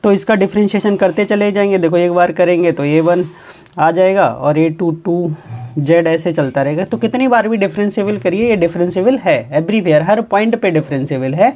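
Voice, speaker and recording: Mellow-voiced man teaching maths. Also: sits high. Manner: asks and answers its own quick questions; reads English definitions out slowly, word by word. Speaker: mathematics teacher. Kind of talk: recorded exam-prep lecture.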